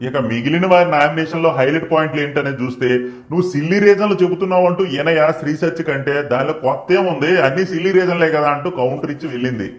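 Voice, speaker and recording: A man's voice: on the high side, quick pace, hardly any pauses, reverberant. A man giving satirical commentary as a channel host, mocking and acting out the quoted lines. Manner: mocking, acts out quoted lines in shifted voices. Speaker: channel host and reality-show critic.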